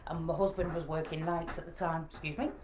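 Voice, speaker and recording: Northern english woman telling her story, low voice, roomy echo, blunt n jokey. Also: steady tone, fairly quick, noisy background. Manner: plainspoken and frank, with dry jokey asides. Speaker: vlogger sharing her own story. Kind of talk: personal storytelling to camera.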